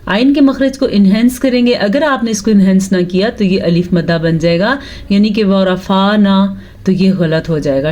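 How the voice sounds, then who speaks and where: A woman teaching Quran pronunciation, reciting words slowly and breaking them into syllables with patient explanation. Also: mid-range voice, dark tone. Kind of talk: slow tajweed lesson with recitation.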